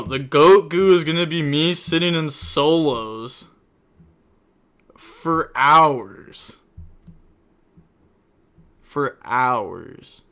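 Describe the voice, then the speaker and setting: A young man streams live and commentates a card game match in an unhurried, drawn-out way. His voice sits at an ordinary middle pitch. He muses aloud, repeats himself and chuckles between remarks. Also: fairly bright tone. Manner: chatty, thinks aloud, repeats himself, laughs often.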